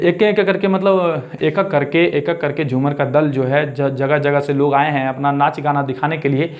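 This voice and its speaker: Man teaching, quizzing himself aloud. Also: fairly high pitch. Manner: repeats lines, quizzes and answers himself. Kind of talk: explaining a story lesson.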